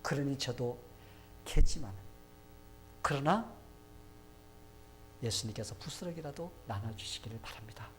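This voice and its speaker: A man's voice: mid-range voice, expressive, measured pace, pauses often, a bit bright, a little hiss or hum, low-quality recording. A man preaching voices a humble, desperate mother who begs for help for her sick daughter. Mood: pleading. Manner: humble, imploring.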